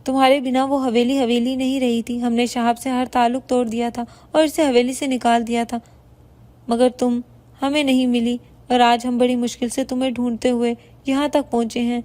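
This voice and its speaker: A woman's voice: a little high, level tone, dark tone, close to an everyday voice. A woman voicing an elderly, affectionate family patriarch who speaks in a choked-up voice, in a storybook reading. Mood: grieved.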